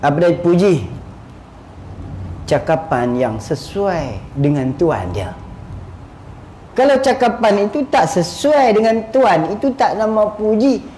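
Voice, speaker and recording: Lively male religious teacher. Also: high voice, slow pace, pauses often. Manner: animated, acts out little dialogues with laughs. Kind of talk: traditional religious lesson. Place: religious school hall. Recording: echoey room with faint noise.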